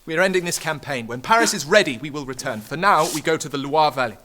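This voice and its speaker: A sharp, imperious, petulant king. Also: on the high side, expressive, fast talker, a little hiss or hum. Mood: cold, commanding. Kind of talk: audio drama acting.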